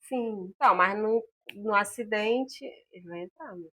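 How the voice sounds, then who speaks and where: A woman with a medium-pitched voice speaks at a normal speed. She's an interview guest, the mother of a patient, recounting a personal story about her son with animation and acting out the dialogue of the people involved.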